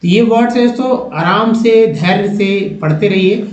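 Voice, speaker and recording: A man teaching a pronunciation lesson, reading a list of words aloud slowly and repeating each one. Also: high-pitched. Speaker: English teacher. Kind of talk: slow word-by-word pronunciation lesson. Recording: echoey room, dull lo-fi sound.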